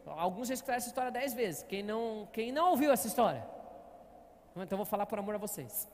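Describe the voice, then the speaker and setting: Fast-talking pastor, echoey hall. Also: male voice, high voice, very animated. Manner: storytelling, often asking the congregation "Amém, amados?". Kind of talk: sermon. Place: church hall.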